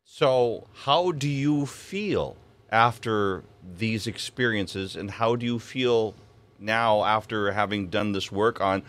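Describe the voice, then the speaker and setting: A man interviewing a guest, asking questions in a calm, reflective way. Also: lowish voice, slow. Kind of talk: casual interview.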